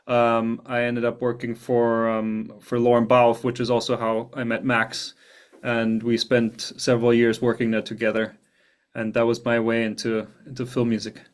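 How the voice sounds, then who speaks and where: A man from Germany speaks in a steady, flat tone with little rise and fall. He is a composer talking about his craft in an interview and often repeats words while he gathers his thoughts. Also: mid-range voice, normal speed. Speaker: film composer. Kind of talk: interview answers.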